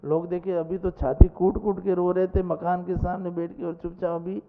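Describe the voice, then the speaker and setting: A male monk giving a sermon, telling a story in an animated way with rising exclamations. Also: high voice, normal speed, a little hiss or hum. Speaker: Jain monk preacher. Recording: echoey hall, dull lo-fi sound.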